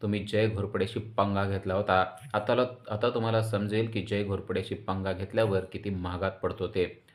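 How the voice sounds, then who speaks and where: A man's voice: low voice, steady tone, moderate pace, natural voice. A man voicing an arrogant, gloating corrupt police officer while reading a serial recap. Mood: taunting. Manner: taunting, boastful. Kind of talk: recap voice-over reading dialogue.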